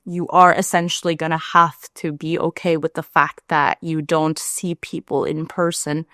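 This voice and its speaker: A woman's voice: normal speed, no room sound, studio quality. A young woman from India, a vlogger talking candidly and chattily to camera. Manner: chatty and candid, lively rises in pitch. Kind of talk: casual talk to camera.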